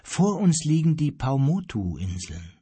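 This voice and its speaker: A man doing a gentle old sea pilot from an audiobook, quiet and unhurried, with a husky grain to his low-key voice. He sounds patient and unshaken. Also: expressive, dry recording, exaggerated voice. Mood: calm, gentle. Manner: soft-spoken, quiet and unhurried.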